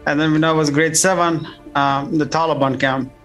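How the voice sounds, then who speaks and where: A man, recalling his past in an interview in plain, halting phrasing. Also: a little high, steady tone, a bit bright, faint music behind. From Afghanistan. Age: 30s. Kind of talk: interview recollection.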